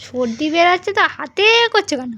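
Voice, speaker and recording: A woman's voice: high voice, expressive, fairly quick, a bit bright, dull audio, slight background noise. A young mother at home with a West Bengal Bengali accent, coaxing and cajoling her child in casual vlog talk, slipping into baby talk.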